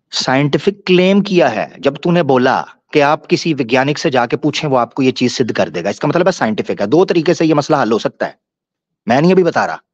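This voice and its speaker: Hosting a live-stream debate, this man rants in a taunting, mocking, crude way. His voice runs on the high side, and the recording is dry, with dull lo-fi stream audio.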